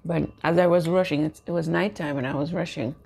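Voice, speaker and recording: Gravelly, husky woman chatting casually. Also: deep voice, steady tone, fairly quick, darkish tone. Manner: chatty, many fillers, turns to earnest preaching. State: talking while eating. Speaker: vlogger. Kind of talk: casual home baking vlog.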